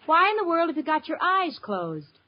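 An actress playing a practical, bossy but fond young woman in an old radio sitcom, brisk and exasperated. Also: very high-pitched, big pitch swings. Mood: impatient. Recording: dull, noisy old radio, audience behind.

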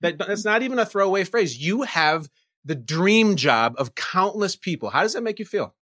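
A man hosting a quiz show interview, playful and energetic as he explains the rules and jokes with his guest. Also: high-pitched, moderate pace.

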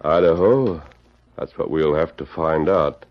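An actor playing a calm, steadfast masked cowboy hero in an old Western radio drama, speaking in a measured, formal, authoritative way. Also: male voice, rumbling low. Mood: firm, commanding. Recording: dull, band-limited old radio recording.

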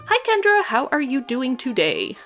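A woman's voice: sits high, wildly swooping pitch, normal speed, fairly bright tone, faint music behind. Chatty woman hosting a podcast. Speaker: podcast host. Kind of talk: casual conversational chat.

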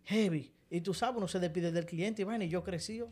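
A man's voice: high voice, fairly quick, slight background noise. A man with a Dominican Spanish accent telling funny stories in a casual chat, laughing as he goes. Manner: animated, laughs through his stories. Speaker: podcast co-host. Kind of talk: casual comic storytelling.

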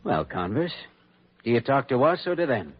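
A man's voice: medium pitch, sing-song, normal speed, breathy edge, no room sound. An actor playing an earnest, resolute male doctor with a firm manner, in classic radio drama style. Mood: stern, pressing. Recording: muffled, noisy vintage radio recording.

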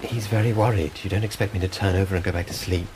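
An actor playing a tired, reserved British intelligence officer in a spy drama, speaking in an understated, clipped, evasive way. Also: male voice, low-pitched, steady tone, fast, noisy background, lightly acted. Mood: guarded, defensive. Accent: British English. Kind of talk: naturalistic spy drama dialogue.

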